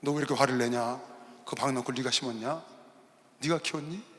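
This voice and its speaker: A man voicing God as a patient, fatherly figure who gently rebukes and pleads, speaking lower and softer than his usual preaching. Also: a little fast, natural voice. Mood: pleading rebuke. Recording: long arena hall reverb.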